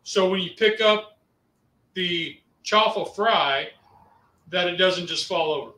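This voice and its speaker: A man's voice: high-pitched, slow pace, sharp tone, reverberant, poor audio. A man on a landline phone, co-hosting a live cooking stream in easygoing, rambling chat. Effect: over a landline phone.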